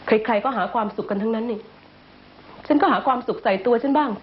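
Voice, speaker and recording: An actress playing a jealous young wife who has been drinking, sarcastic and accusing, with tearful outbursts. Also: female voice, on the high side, fast, slight background noise, lightly acted. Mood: sarcastic tipsy. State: tipsy from drinking. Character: jealous, tipsy young wife, bitter and wounded. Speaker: wife in a TV drama. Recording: dull lo-fi TV sound with music score.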